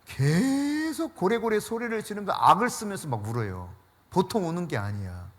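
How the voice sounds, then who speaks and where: A man preaching a sermon as pastor, telling stories in an animated way with frequent laughter and dropping to a hushed voice for emphasis. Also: moderate pace. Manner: drops to a hushed low voice for emphasis.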